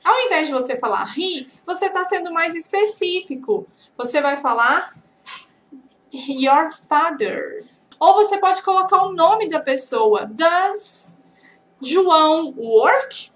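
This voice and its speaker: A Brazilian Portuguese woman teaching English, drilling example phrases slowly and often checking that her students are following. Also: high voice, a bit bright. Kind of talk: online language lesson. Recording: echoey room.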